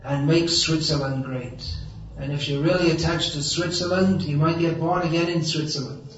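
A man's voice: a little high, steady tone, moderate pace, a little hiss or hum. Sarcastic man preaching in an echoey hall. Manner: sarcastic and wry, then earnest and emphatic. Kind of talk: sermon. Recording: roomy echo, distant mic, dull sound.

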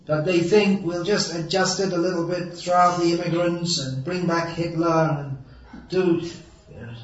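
A man's voice: a little high, steady tone, moderate pace. A man giving a sermon to an audience, wry and sarcastic, then earnest and emphatic. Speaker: preacher. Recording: roomy echo, distant mic, dull sound.

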